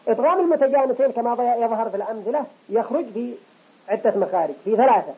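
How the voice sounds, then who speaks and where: A man teaching the rules of Quran recitation. He goes slowly and deliberately and repeats each recited example several times. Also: very high voice, animated, slightly rough. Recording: lo-fi muffled recording.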